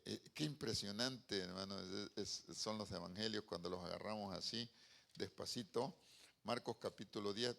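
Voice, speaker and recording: A male pastor preaching a sermon, moving from quiet storytelling to loud, drawn-out exclamations. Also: on the low side, vocal fry.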